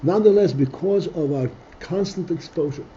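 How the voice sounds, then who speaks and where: A man teaching a text study class, reading Hebrew phrases aloud and explaining them slowly in English, stopping now and then to clear his throat. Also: on the high side, dark tone, lo-fi sound, slight background noise.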